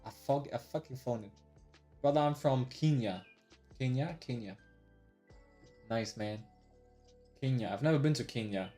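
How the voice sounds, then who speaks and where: A day trader in his twenties chats on a live stream with a warm, mid-range voice, a measured pace, and frequent pauses, faint music behind him. Rambling and slangy, he swears a lot, keeps saying "bro," restarts often, and replays his past thinking aloud.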